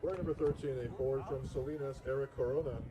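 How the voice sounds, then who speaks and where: A man working as stadium announcer, introducing players over a public address in a steady, formal cadence. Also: mid-range voice, fast. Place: outdoor soccer field. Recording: loud outdoor noise.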